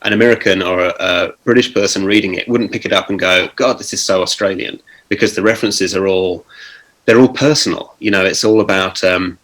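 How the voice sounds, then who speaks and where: A man speaking on an online panel over a video call, thoughtful and halting, with many pauses and restarts. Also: deep voice, fairly even intonation, fairly bright tone.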